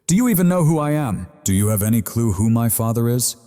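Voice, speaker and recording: A male narrator voicing a spoiled, arrogant young rich man who bullies people, in a shrill, sneering, entitled way. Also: very animated, moderate pace, mellow. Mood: shrieking. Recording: long reverb.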